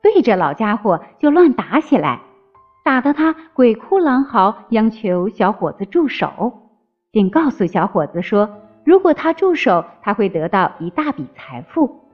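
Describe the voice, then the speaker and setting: A woman narrating a fairy tale in an expressive storytelling manner. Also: medium pitch, unhurried. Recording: slightly dull with faint music.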